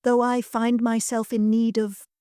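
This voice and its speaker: A woman's voice: on the high side, little pitch movement, a little slow, dark tone, smooth, dry recording, clean studio sound, pitched above the performer's own voice, close to an everyday voice. A woman playing a haughty snappish lady of the house. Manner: snappish, bossy, prim.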